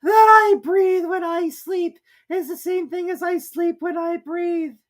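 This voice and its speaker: A woman's voice: extremely high pitch, steady tone, a little slow, warm tone, voice pushed up. A woman voicing a sleepy little dormouse from a storybook, drowsily talking with its eyes shut. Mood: drowsy.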